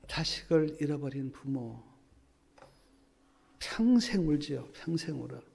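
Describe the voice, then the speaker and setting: A middle-aged man preaching a sermon as a pastor at a revival meeting, swinging between loud outcries and hushed near-whispers. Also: fairly high pitch, sing-song, unhurried, creaky, slightly rough. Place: church hall at a revival meeting.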